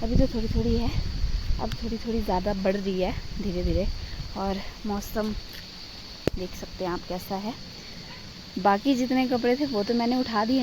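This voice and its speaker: A woman's voice: medium pitch, noisy background. A young woman vlogging at home on her phone. She chats casually and gushes, repeating herself for emphasis. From Himachal Pradesh, India. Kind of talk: casual vlog chat. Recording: echoey, roomy sound.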